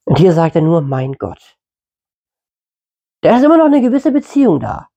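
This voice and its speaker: A man's voice: sits high, very animated, fast talker, gravelly, warm tone, dull audio. A man giving informal Bible teaching in a conversational way, with fillers and mid-sentence self-corrections. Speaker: preacher.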